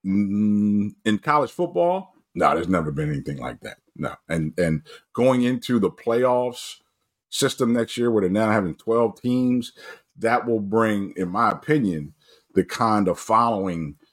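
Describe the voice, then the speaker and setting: A man, a coach, talking casually about college football, his voice jumping up when excited and often restarting his sentences. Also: a little slow. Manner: animated, pitch jumps up when excited, frequent restarts. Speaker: coach and guest analyst. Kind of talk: casual sports talk.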